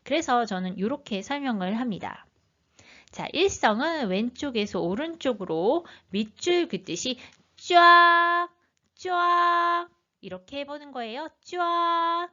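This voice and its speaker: A woman teacher giving a lively training talk, acting out sounds as she would for young children. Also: on the high side, normal speed, muffled recording.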